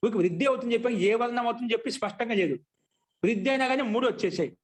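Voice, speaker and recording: A man giving a grammar lesson, asking questions and answering them himself, and slowly chanting rules. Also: very high voice. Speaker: Sanskrit grammar teacher. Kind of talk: classroom lecture.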